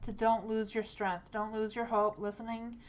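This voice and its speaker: A woman's voice: on the high side, little pitch movement, normal speed. A young woman live-streaming tarot readings, talking in a rambling, hesitant way with many likes and ums. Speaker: tarot reader.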